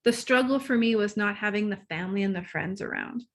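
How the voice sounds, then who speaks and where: This guest, a relationship coach, speaks a little fast at medium pitch during a relaxed interview. She's excitable and laughs easily, though her train of thought sometimes slips away.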